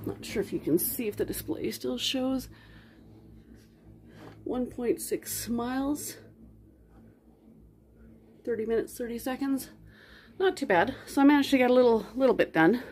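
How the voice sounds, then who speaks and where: A woman's voice: a little high, unhurried, long pauses, a little mellow. A middle-aged woman chatting casually to her viewers as she does chores at home, thinking aloud as she works. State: winded after a workout. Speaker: home vlogger. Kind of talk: casual running commentary. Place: home kitchen and dining room. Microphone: phone camera set across the room. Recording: roomy, distant phone audio with background noise.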